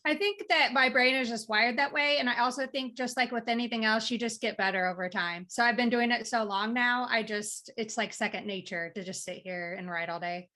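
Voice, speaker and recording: A woman in her thirties from the American Midwest, answering interview questions in a relaxed, matter-of-fact way. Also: on the high side, a little fast, hardly any pauses. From Midwest United States. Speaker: freelance writer, interview guest. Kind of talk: casual interview.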